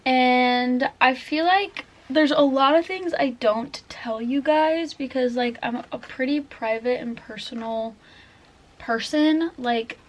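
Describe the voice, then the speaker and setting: A woman's voice: on the high side, a little hiss or hum. Chatty nineteen-year-old girl vlogging. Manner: chatty, lots of "like" and "literally". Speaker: book vlogger. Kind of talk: casual vlog chat. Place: at home, indoors.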